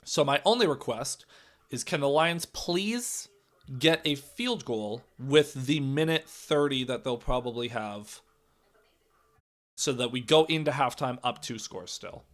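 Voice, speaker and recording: Unhurried, a young man gives casual live play-by-play and reacts to the game; his hoarse, raspy voice cracks as he swings from loud calls to low mutters.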